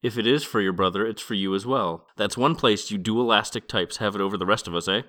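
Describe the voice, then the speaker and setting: Sly old trickster, cajoling, unflappable, lowish voice, podcast book reading, as a man reads him. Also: quick pace, a bit bright, natural voice.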